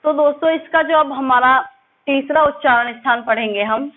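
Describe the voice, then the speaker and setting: A woman teacher giving a lesson, drilling sounds slowly and asking and answering her own questions. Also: high voice. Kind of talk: classroom lesson. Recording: tinny phone-like audio.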